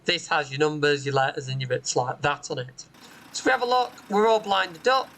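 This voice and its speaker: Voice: medium pitch, a little fast, fairly bright tone, rough recording. A bus simulator channel host giving casual gameplay commentary from home, chatty and explanatory, with frequent "um" fillers. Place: home room with a window onto a street.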